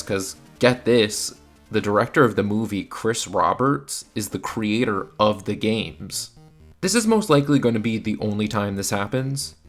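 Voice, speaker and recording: In a voice-over backed by faint music, a male film reviewer speaks in a low, creaky, slightly bright voice. His scripted narration is casual, wry and opinionated, as befits a video host.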